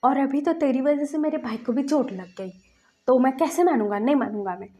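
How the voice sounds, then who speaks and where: A woman's voice: high-pitched, a little fast, dark tone, muffled recording, natural voice. A woman voicing a hot-tempered young man who scolds and threatens to protect his younger brother. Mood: angry, protective.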